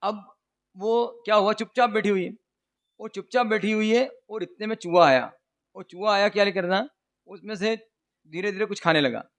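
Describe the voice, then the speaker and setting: A male preacher delivering a sermon full of stories and questions to the audience. His voice sits high in pitch, and at times he chants vows in a rhythmic recitation. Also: moderate pace. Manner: lively, asks the audience questions. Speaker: religious preacher. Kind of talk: sermon with storytelling.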